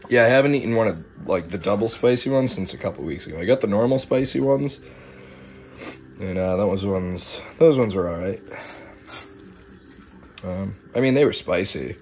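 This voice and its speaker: Low-pitched, creaky young man chatting casually. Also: expressive, moderate pace, long pauses, darkish tone, slight background noise. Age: young adult. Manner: laid-back, slangy, sweary. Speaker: food challenge vlogger. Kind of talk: casual, rambling vlog chat. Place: at home, kitchen and small room. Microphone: handheld phone, later camera on desk.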